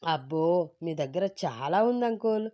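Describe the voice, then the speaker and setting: A woman's voice: on the low side, animated, measured pace, mellow. A woman voicing a cheeky, teasing young man. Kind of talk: storybook narration.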